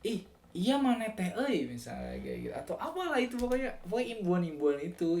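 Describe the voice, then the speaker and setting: A young man from West Java talking casually on a solo podcast. He is animated, laughs often, and slips into sing-song imitations. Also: on the high side, echoey room. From West Java, Indonesia. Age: young adult. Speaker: student podcaster.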